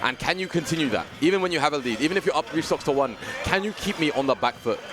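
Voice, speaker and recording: A man's voice: fairly high pitch, quick pace. A British man giving playful, jokey live commentary on a tournament match. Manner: playful, jokey, excitable on big moments. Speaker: esports commentator.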